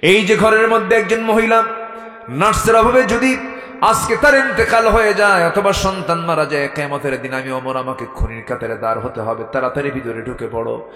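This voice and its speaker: A man preacher from Bangladesh, telling a story in a waz sermon, swinging between loud high exhortation and low hushed passages. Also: moderate pace. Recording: echoey hall with faint music.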